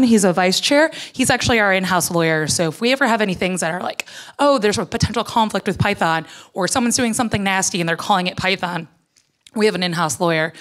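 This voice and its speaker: A woman's voice: medium pitch, fairly bright tone. Woman in her 30s doing a casual lightning talk on stage, chatty, says like a lot, handheld mic. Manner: conversational, peppers speech with "like". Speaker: conference speaker, foundation director. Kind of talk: informal lightning talk to an audience. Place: on stage at a conference hall lectern. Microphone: handheld microphone.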